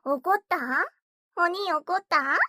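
A woman's voice: very high voice, slow, sharp tone, no echo, heavily acted. A woman voicing a bratty, teasing young stepsister girl in a whispered role-play, taunting and giggly as she coaxes. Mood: mocking.

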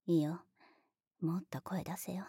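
A brash, tomboyish big sister who talks down to you with blunt, boyish bossiness and teasing laughs, as a young woman acts her out. The voice sits at an ordinary middle pitch and is recorded very dry and close, with no room sound. Some lines drop into a hushed whisper. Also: steady tone, a little slow, slightly rough, no room sound, exaggerated voice. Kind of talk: adult audio role-play drama, partly whispered.

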